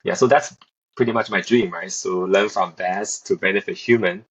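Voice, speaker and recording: Heard in lo-fi sound, this man speaks at normal speed in a low, slightly rough voice with a steady tone. He is a researcher and assistant professor in his thirties, from South Korea and raised in Beijing, and he answers interview questions hesitantly, with lots of fillers and restarts.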